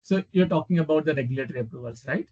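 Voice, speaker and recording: A man's voice: a little high, mellow, breathy edge. Give me a man explaining patiently over a slightly muffled video call, full of hesitant "uh"s as he answers a question. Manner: halting, many "uh" fillers, patient explaining. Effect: heard over a video call. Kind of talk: unscripted Q&A explanation.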